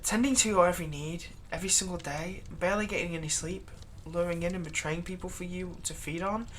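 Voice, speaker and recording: In a roleplay audio drama, a man plays a vampire's servile, nervous thrall who stammers deferentially and is bitterly eager to please, sounding wistful and bitter. His voice sits high with fairly even intonation, brisk and a bit bright, over slight background noise.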